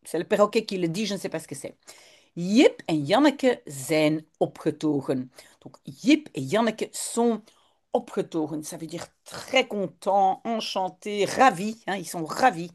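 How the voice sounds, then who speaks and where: A woman's voice: fairly low pitch, expressive, unhurried, a little mellow. A woman teacher, patiently reading a short text aloud and explaining it word by word. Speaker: language teacher.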